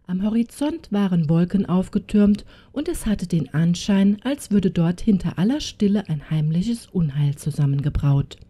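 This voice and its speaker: A woman narrating a fairy tale audiobook in a slow, expressive way. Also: on the low side, slightly rough.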